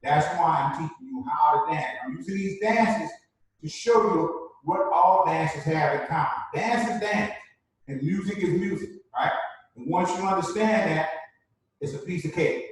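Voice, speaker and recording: A man's voice: a little high, moderate pace. A man teaching a live online dance class, repeating key points and checking in with "right?" as he explains. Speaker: dance instructor. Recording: very echoey room, distant mic.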